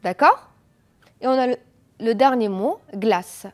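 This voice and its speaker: A woman teaching French pronunciation on an educational TV lesson, drilling words slowly and asking the class to repeat after her. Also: fairly high pitch, expressive. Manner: slow, deliberate drilling with repeated checks. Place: TV studio.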